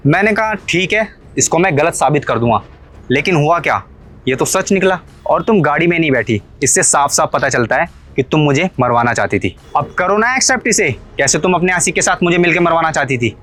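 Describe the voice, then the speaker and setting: Man playing a wounded cartoon husband, fairly high voice, pleading, suspicious, soft music behind. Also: animated, a little fast. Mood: accusing. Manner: pleading, questioning, accusing. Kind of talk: Hindi cartoon story dubbing.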